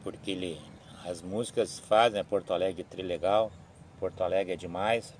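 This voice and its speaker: A man, giving a slow, halting religious reflection on a live stream, with frequent restarts and tag questions. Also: sits low, fairly even intonation, darkish tone, a little hiss or hum. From southern Brazil. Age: 60s. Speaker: evangelical live-stream speaker.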